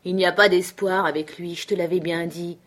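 A skeptical man speaks in short, doubtful phrases, voiced by a woman reading a novel aloud. It's an audiobook reading, and he stays close to her own low, even voice. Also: fairly quick, lightly acted. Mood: sorrowful. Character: male master, skeptical, impatient, then sad.

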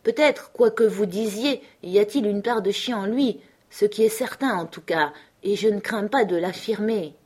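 A gruff, self-assured dog driver lays out his view with steady emphasis, as a woman reading aloud puts him on. It's an audiobook reading, the man slightly higher and louder than the narration around him. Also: moderate pace, few pauses, lightly acted. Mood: assertive. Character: male sled-dog driver, blunt, confident.

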